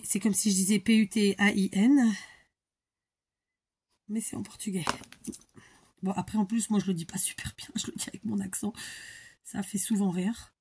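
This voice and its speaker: A woman's voice: medium pitch, warm tone, breathy edge. A woman hosting a crafting tutorial, chatting casually and thinking aloud, muttering to herself as she works.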